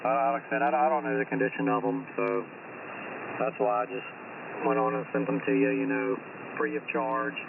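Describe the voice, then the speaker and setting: A very gravelly male voice comes through a mistuned ham radio, thin and narrow with loud static. He chats casually in a plain, folksy way, like an operator keeping a friend company on the air. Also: mid-range voice, fairly even intonation, moderate pace, recorded from a distance. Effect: mistuned ham radio voice, slightly off frequency.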